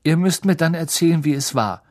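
A man's voice: fairly high pitch, expressive, brisk, darkish tone, voice pushed up, natural voice. A man doing a glum, grumbling teenage boy. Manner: grumbling and bitter.

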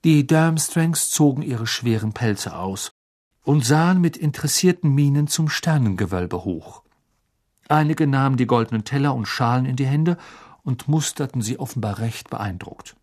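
A man narrating a storybook in a husky, breathy voice. His pitch moves in lively arcs, and his delivery stays expressive throughout. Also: moderate pace. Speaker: audiobook narrator. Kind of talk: storybook reading.

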